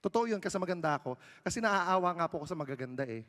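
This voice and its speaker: A man's voice: sits high, expressive, racing. A man from the Philippines doing live stand-up, bantering brashly and self-mockingly with the crowd on a big stage. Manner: loud stage calls to the audience. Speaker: stand-up comedian. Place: large live event stage with audience. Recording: reverberant live venue sound.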